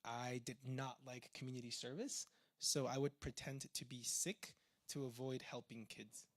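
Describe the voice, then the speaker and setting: A man's voice: medium pitch, steady tone, normal speed, dry recording. Peruvian-accented young man, dry sound. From Peru. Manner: chatty, informal, full of fillers. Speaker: guest speaker, tech entrepreneur. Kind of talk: conversational talk on faith.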